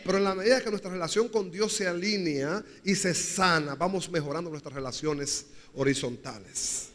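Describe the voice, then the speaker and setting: A man preaching with a high-pitched voice, stressing his points through repetition and calling out for the congregation to answer. His sermon rings through a church hall with a long echo. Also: normal speed, a bit bright. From Dominican Republic. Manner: preaching with call-and-response to the congregation; repetitive, emphatic phrasing with shifting pace. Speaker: pastor.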